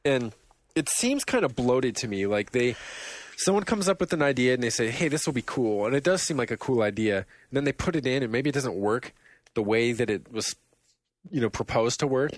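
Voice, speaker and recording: A man co-hosting a casual gaming podcast, telling stories in a rambling, animated way. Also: medium pitch, brisk, dry recording. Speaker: podcast co-host.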